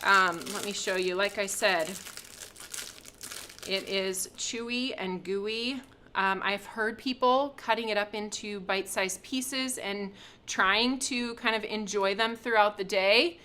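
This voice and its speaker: Bright, chatty woman hosting a craft reveal. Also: mid-range voice, fairly even intonation, takes it slowly, a little hiss or hum. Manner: chatty, upbeat, laughs often. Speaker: craft shop host. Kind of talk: live product reveal and craft demo.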